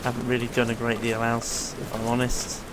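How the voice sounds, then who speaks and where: This commentator speaks in a mid-range voice with a completely flat delivery, fairly quickly, against a noisy background. He plays and explains the game in an easygoing manner, peppered with ums and uhs, his voice strained, rough, and tired.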